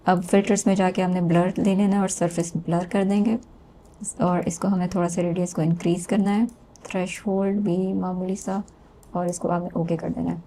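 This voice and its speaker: A woman calmly explaining a screen-recorded design tutorial step by step, with small hesitations. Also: on the low side, moderate pace, a little hiss or hum. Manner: calm step-by-step explaining with fillers. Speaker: textile design instructor.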